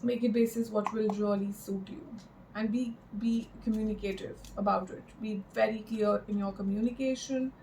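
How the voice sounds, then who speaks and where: A woman giving an improvised, mystical horoscope tarot reading in a halting, reflective way, repeating phrases for emphasis. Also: medium pitch, steady tone, dark tone, a little hiss or hum, poor audio. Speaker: tarot card reader.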